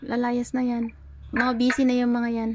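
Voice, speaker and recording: A woman's voice: on the high side, monotone, normal speed, a crowd in the background. A Filipina host of a voice-room chat, teasing her guests playfully on a phone mic. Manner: playful, teasing, many restarts. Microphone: phone in a voice-chat app.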